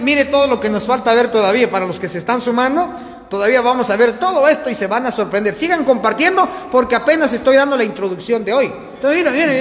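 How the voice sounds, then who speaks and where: A pastor preaching a sermon, teaching emphatically and pressing his listeners with questions they answer back. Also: very high-pitched. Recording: echoey hall with long reverb.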